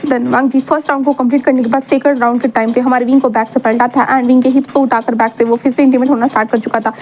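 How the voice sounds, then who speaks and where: Woman storyteller, chatty, self-correcting narration, brisk and high, faint noise behind. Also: flat delivery, darkish tone.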